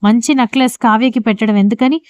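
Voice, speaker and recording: A woman's voice: fairly high pitch, fairly even intonation, quick pace, dry recording, natural voice. A woman voicing a scheming, accusing sister-in-law in a read-aloud audio story. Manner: accusing, dramatic.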